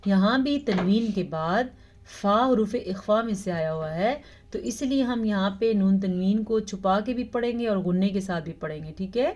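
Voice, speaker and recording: A woman teaching Quran recitation, explaining each rule, then chanting the verse slowly with long drawn-out vowels. Her voice sits at a middle pitch. The audio is muffled and lo-fi. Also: darkish tone. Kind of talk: tajweed lesson with slow recitation.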